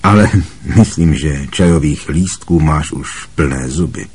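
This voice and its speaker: A man voicing a kind, wry middle-aged male wizard teacher who speaks calmly and with gentle amusement. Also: extremely low pitch, breathy edge, voice pushed down.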